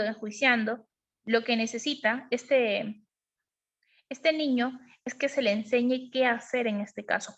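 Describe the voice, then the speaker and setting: High-voiced woman teaching a parenting class. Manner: explanatory, asks frequent checking questions. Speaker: parenting educator. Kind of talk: online class on emotional parenting. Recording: dull lo-fi sound.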